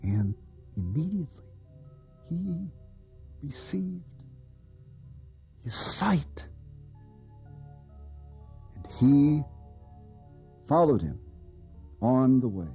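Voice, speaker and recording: A man giving a slow, expressive scripture reading. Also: vocal fry, slightly rough, lo-fi sound, soft background music. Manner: slow expressive reading with wide pitch swings. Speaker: reader.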